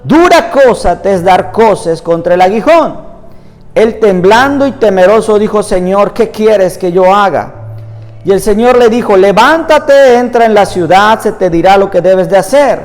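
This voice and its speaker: A man's voice: high-pitched, expressive, a little slow. A man preaching a sermon in Spanish, earnest, reading scripture aloud at length. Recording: reverberant room with soft music behind.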